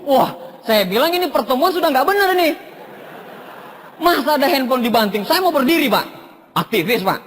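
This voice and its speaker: A man with a notably high-pitched voice tells funny motivational stories to his listeners. He keeps turning to them with "Pak" as he talks. His voice carries a long, trailing hall reverb. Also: expressive, normal speed, fairly bright tone. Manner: addresses listeners with "Pak" constantly. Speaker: motivational speaker. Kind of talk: humorous motivational storytelling.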